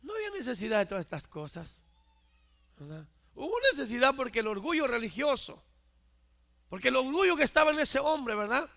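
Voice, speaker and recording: A male preacher delivering a sermon, emphatic, swinging from loud declarations to hushed asides and often asking his listeners for agreement. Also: very high voice, very animated, a little fast, vocal fry. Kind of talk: Spanish-language church sermon.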